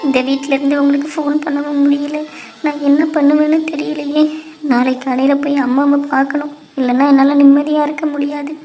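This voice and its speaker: A woman's voice: high-pitched, little pitch movement, a little fast, mellow, faint music behind, lightly acted. A woman voicing a sad young wife in a cartoon who misses her mother, speaking in a plaintive, tearful way. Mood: sorrowful. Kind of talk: cartoon voice acting.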